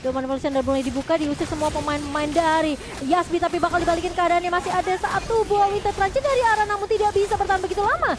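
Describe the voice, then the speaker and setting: A woman with an Indonesian accent giving animated live esports commentary and analysis, with quick reactive interjections. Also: extremely high pitch, background noise.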